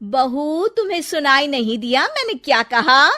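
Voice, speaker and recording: A woman voicing a bossy, quick-tempered middle-aged mother-in-law in a cartoon, scolding loudly. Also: sits high, very animated, pitched above the performer's own voice, exaggerated voice. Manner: scolding, loud and domineering. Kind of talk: cartoon voice acting.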